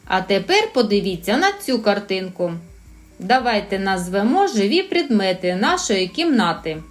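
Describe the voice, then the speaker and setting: A woman's voice: medium pitch, very animated, faint music behind. A woman teaching a recorded lesson for preschool children, encouraging and drawing out her words. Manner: slow, sing-song and encouraging, drawing out sounds.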